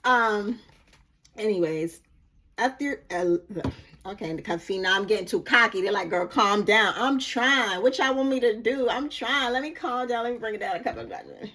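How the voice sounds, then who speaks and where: Woman w/ chatting through a spiritual reading, kinda high voice, gets excited and laughs a lot. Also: normal speed. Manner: animated, bursts into excited laughing and singing. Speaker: spiritual reader. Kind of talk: casual spiritual vlog talk.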